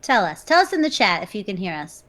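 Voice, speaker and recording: A woman's voice: mid-range voice, quick pace. A woman co-hosting a live stream, chatting casually and listing things with lots of ums. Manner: relaxed, lists things with many ums. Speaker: co-host and esports director. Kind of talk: casual livestream chat. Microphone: live stream microphone.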